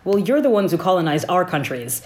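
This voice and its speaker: A woman's voice: lowish voice, sing-song, a little fast. A woman from Ghana interviewing a guest, speaking in a direct, conversational way.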